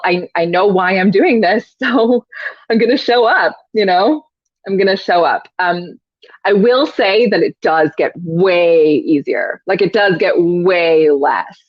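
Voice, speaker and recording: A yoga teacher appearing as a podcast guest chats casually, laughing often and saying "like" a lot. Her voice is fairly low, and the recording is dull, dry and lo-fi with no room sound.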